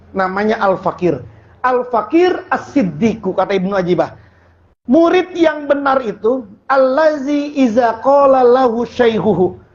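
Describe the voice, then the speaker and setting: A man's voice: sits high, highs cut off. A man preaching an informal Sufi sermon in a colloquial, joking way, often putting questions to the audience. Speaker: Islamic preacher.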